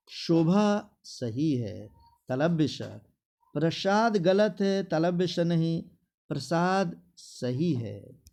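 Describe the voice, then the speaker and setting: A man teaching a classroom spelling lesson, slowly drilling words and repeating them for his students, with a Bihari Hindi accent. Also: on the high side, dark tone.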